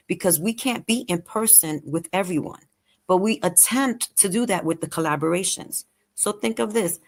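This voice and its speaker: A woman guest with a somewhat low voice pitches her services in an interview. She is animated and fires off rhetorical questions. Now and then she deliberately slows her delivery to calm the pace. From Latin American heritage. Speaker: guest, care and virtual assistant business owner. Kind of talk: persuasive interview talk.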